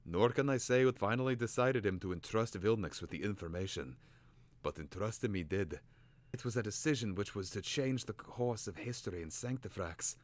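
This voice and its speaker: A man's voice: fairly low pitch, moderate pace, dry recording, lightly acted. A man voicing an old bird storyteller who muses as he tells his tale. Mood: musing. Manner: musing, storytelling.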